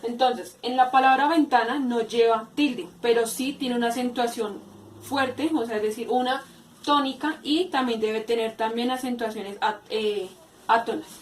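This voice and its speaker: Woman teacher, fairly high voice, hesitant step-by-step explaining, roomy echo, off-mic. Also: fairly even intonation, slight background noise. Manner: explains slowly with many hesitations and repeats. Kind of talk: spoken grammar lesson. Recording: echoey room, far from mic.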